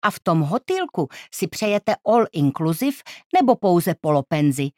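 A polite, elegant travel agent asks her questions in a businesslike way, voiced by a woman reading a story. Her tone is courteous and animated. The sound is dry and close. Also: fairly low pitch, dry recording.

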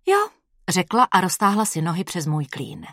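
A woman reading a first-person story aloud in a steady, measured voice. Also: fairly low pitch, dry recording, clean studio sound. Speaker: audiobook reader.

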